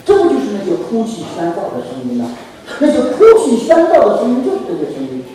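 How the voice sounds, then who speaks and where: A man preaching a sermon, swinging between soft asides and loud, impassioned exhortation. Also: high-pitched, huge pitch swings, fast. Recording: echoey hall, voice from far off.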